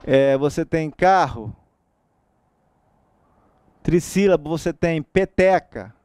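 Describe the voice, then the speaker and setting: A man's voice: on the high side, slow pace, clear, resonant tone, dry recording, clean studio sound. A man with a Brazilian Portuguese accent giving an exam-prep grammar lecture, asking rhetorical questions and checking in with the class often. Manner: lively, asks rhetorical questions, frequent checks like "tá?". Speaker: teacher.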